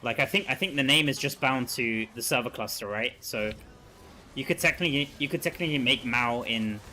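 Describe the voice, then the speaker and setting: A man's voice: mid-range voice, brisk, sharp tone, slight background noise. A man streaming a video game, chatting casually and thinking aloud as he answers his chat.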